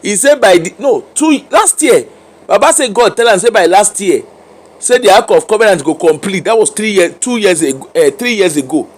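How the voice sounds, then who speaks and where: Speaking in a blend of Nigerian Pidgin and English, a Nigerian man delivers casual opinion commentary, pressing his point through one rhetorical question after another. His voice is high-pitched and expressive, moving at a moderate pace.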